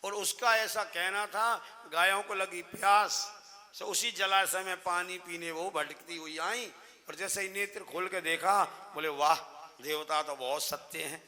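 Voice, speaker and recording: A male religious storyteller narrating a folk tale in an animated, conversational way. His voice sits high and sounds very bright. A long hall reverb surrounds it. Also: unhurried. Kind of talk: devotional story sermon.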